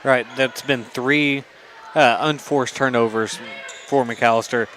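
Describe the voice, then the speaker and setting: A man with an Oklahoma accent giving calm color commentary on radio, adding stats and foul counts. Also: medium pitch, slow, a little hiss or hum. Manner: calm, adds stats and fouls.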